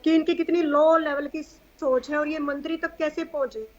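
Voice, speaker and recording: A woman's voice: sits high, fairly even intonation, moderate pace, lo-fi sound. A woman, a guest on a remote interview over a call line, speaking with indignant emphasis. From Haryana, India.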